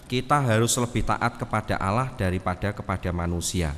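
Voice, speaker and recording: Pastor preaching in a reverberant hall. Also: male voice, on the low side, fairly quick, a little hiss or hum. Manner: lively storytelling, acting out voices in dialogue. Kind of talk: sermon. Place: church hall.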